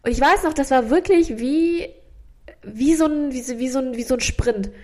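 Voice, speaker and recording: A young woman co-hosting a podcast, sharing memories in a reflective, halting way with frequent restarts. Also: sits high, darkish tone. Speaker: podcast co-host. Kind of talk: casual chat.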